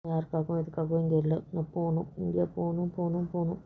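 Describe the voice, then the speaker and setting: A woman's voice: on the low side, monotone, quick pace, gravelly. Hurt pleading woman in a home audio drama, muffled recording w a faint hiss. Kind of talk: amateur romantic audio drama. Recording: dull lo-fi audio with faint noise.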